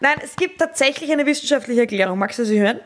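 A young woman with an Austrian accent, co-hosting a podcast in casual chat, talking fast and laughing often. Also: sits high, lively intonation. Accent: Austrian German. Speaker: podcast co-host.

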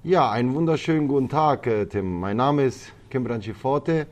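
An Italian-raised man who trains martial artists appears as a podcast guest, chatting in a relaxed interview style full of hesitations and filler words. His voice is medium-pitched and his pace is normal.

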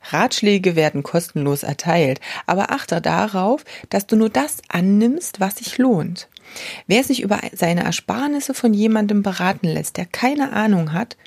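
A woman reading aloud and voicing a stern old male mentor who lectures his pupil gruffly. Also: medium pitch, a little mellow, dry recording, clean studio sound.

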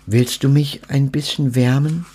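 A man voicing a small, curious female duck in a storybook reading, raising his voice softly and asking many questions. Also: medium pitch, steady tone, unhurried, breathy edge, pitched above the performer's own voice. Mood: gentle, pleading. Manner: raised, soft questioning voice.

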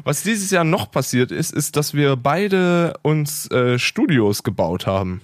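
A man co-hosting a podcast in casual chat, making dry, deadpan remarks. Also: fairly high pitch, measured pace, no room sound. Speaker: podcast co-host.

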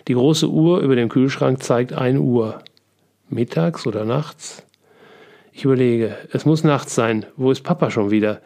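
A man reading a first-person memoir aloud in a calm, reflective manner, as the narrator of a book podcast. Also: medium pitch. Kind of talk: audiobook reading.

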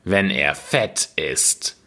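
A man voicing a cruel, greedy old female witch in a storybook reading, with a shrill, harsh voice. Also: lively intonation, extremely slow, bright, forceful tone, heavily acted. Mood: scolding.

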